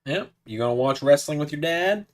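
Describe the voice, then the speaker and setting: A man's voice: a little high, expressive, a little fast. Chatty young man in his twenties. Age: 20s. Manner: chatty, talks to his cat in a coaxing sing-song. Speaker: streamer. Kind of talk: casual livestream chat.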